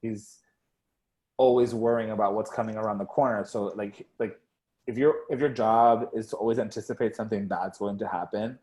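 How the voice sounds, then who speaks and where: A man's voice: fairly low pitch, steady tone, a little fast, dark tone. A young man co-hosting a casual podcast, rambling with constant fillers and swearing. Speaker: podcast co-host.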